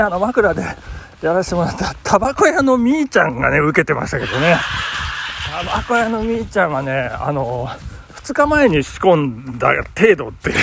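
A man hosting a casual solo podcast, telling a story in a polite, chatty way with many fillers. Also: high-pitched. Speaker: podcast host and amateur rakugo performer. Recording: noisy background.

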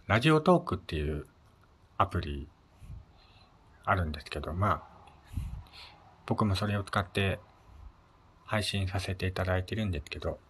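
A man hosts his own audio show solo, chatting in a casual, polite, conversational way much like radio talk. His voice sits low and is a bit bright with a breathy edge, and his intonation is lively at a normal speed, broken by long pauses.

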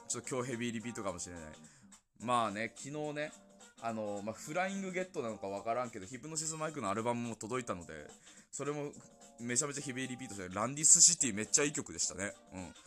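A young man hosting a casual solo talk show, gushing excitedly about games and music with many fillers. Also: medium pitch. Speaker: podcast host. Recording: faint music behind.

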